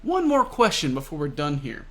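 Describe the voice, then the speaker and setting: A man voicing a cocky, calm male pirate fighter who taunts his foe in a teasing drawl while retelling a comic. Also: on the high side, moderate pace. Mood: smug.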